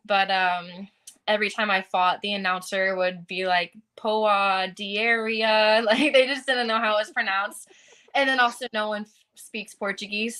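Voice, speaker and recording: A woman's voice: medium pitch, sharp tone. A young adult woman fighter answering interview questions in an earnest, casual way, with frequent fillers.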